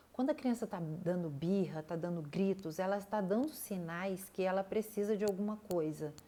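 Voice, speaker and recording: Older Brazilian woman, mid-pitched, earnest casual talk with fillers. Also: warm tone. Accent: Brazilian Portuguese. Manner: earnest, repeats words, hesitant fillers. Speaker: body analysis therapist.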